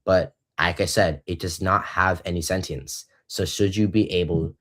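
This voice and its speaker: A young man hosting a casual online debate, hesitant, restarting sentences and slowing down to press his points. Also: low-pitched, steady tone, a bit bright. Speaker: debate host.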